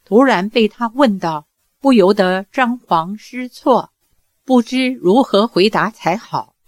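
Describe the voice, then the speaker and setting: Brief: woman narrator, unhurried expressive novel reading, dry close-miked sound. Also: mid-range voice, no room sound. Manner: measured, expressive storytelling. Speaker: audiobook narrator.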